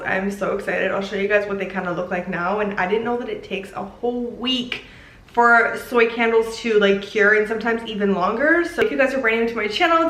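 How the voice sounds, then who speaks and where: A woman's voice: mid-range voice, a bit bright. A young woman in her twenties chatting casually to camera in her apartment, full of "like"s, her voice still groggy from just waking up. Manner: chatty, filler-heavy with many "like"s. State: morning voice, just woke up. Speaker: vlogger. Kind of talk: casual vlog chat.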